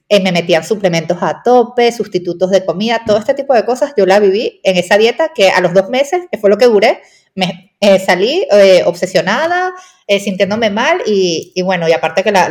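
In a casual podcast interview, a young Venezuelan woman who works as a nutritionist talks in a mid-range, darkish voice with a Venezuelan Spanish accent. She keeps adding tag questions as she chats.

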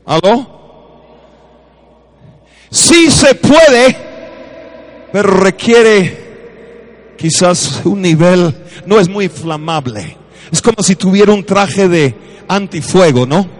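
High-pitched preacher shouting fiery declarations. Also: male voice, expressive, takes it slowly, long pauses. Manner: swings between shouted declarations and quiet storytelling; calls on the congregation to repeat phrases. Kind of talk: charismatic sermon.

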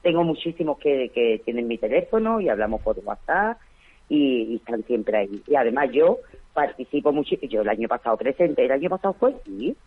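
A woman's voice: a bass voice, sing-song, fairly quick, husky, phone-quality sound. An older woman, a talkative and outspoken guest chatting in a casual, colloquial way. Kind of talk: casual phone interview.

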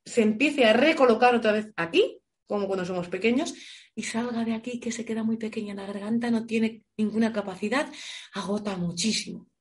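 A woman voice coach answering audience questions with lively, expressive advice. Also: fairly high pitch. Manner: warm, expressive, illustrates with shouts and playful voices. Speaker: voice coach guest.

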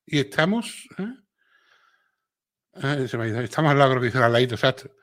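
A middle-aged man from Seville speaks with a clear Andalusian accent, hosting a relaxed livestream. His voice sits at an ordinary, middle pitch. He chats loosely, reads viewers' comments aloud, and peppers his talk with little tag questions. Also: a little fast. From Seville, Spain. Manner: chatty, reads viewer comments aloud, frequent filler tags. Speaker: livestream host. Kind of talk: casual live chat with viewers.

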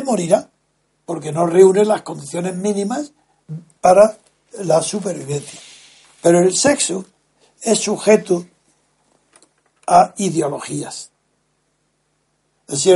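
A man talks through his point as a guest, slow and deliberate, hitting key words with weight. His voice sits fairly high for a man and has a husky, slightly rough edge. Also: expressive, warm tone. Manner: slow, deliberate, lecturing, emphatic stresses. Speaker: guest speaker. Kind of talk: measured explanatory talk.

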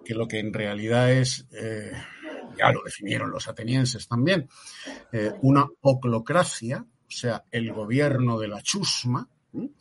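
A man's voice: mid-range voice, a little slow, creaky. A man from Spain with a Peninsular Spanish accent giving emphatic political commentary on a talk show, full of rhetorical questions and tag questions.

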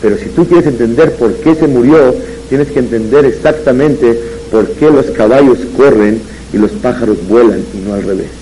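A man delivers a rabbi's Torah lesson full of anecdotes. His voice is warm and dark, and it rises and gets louder when he drives a point home. A faint hiss sits under the recording. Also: mid-range voice, moderate pace, few pauses, low-quality recording. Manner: storytelling, rising and louder on emphatic points. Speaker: rabbi giving a Torah talk. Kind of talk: religious lecture with anecdotes.

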